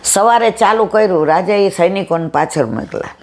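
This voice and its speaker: A mid-pitched speaker delivers a devotional talk built on folk stories. The voice jumps up and down to play the people in each tale. It stretches out each moral in a slow, weighty drawl.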